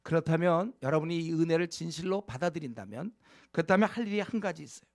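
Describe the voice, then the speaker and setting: A man's voice: on the high side, quick pace, vocal fry, a little mellow, no echo, studio quality. A male pastor preaching a sermon, earnestly urging his congregation, with frequent fillers and direct questions to the listeners.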